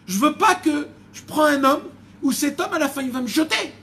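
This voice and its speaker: A man acting out God speaking, loving and mighty, in slow, loud, solemn declarations. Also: very high-pitched, animated, pitched above the performer's own voice, exaggerated voice.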